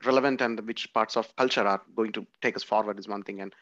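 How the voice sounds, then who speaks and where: A man's voice: lowish voice, fairly even intonation, quick pace, fairly bright tone. A man hosting an interview, hesitant and full of fillers and restarts. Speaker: show host. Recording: dull lo-fi sound.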